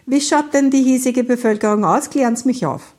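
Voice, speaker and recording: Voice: sits high, brisk, a little mellow, voice pushed up, close to an everyday voice. A woman voicing a sardonic young companion with a dry, sarcastic manner.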